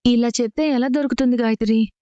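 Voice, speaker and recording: Actress doing an earnest young wife, keeps pressing, bit high voice, dry muffled tv sound. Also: female voice, steady tone, a little fast, warm tone, clear, resonant tone, no room sound, lightly acted. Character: earnest young married woman seeking help. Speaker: actor in a TV serial. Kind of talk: TV serial acting.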